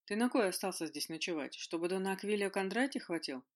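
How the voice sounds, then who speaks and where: A man's voice: high voice, lively intonation, quick pace. A reader voicing a grumpy, sarcastic adult man who grumbles and mocks his friends. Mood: grumbling. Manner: grumbling, mocking.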